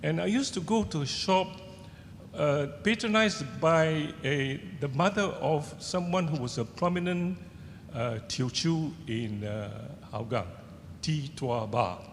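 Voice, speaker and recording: This is a festival panel in a large hall where an older author, at least in his seventies, recounts anecdotes in a Singaporean accent. His delivery halts as he gropes for words. Sound comes through a handheld microphone, with echo and a background rumble.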